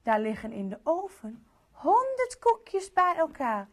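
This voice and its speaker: A woman reads a rhyming children's picture book aloud in a sing-song cadence. Her voice is high and very lively in pitch, and she takes her time with each line. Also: slow. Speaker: storyteller.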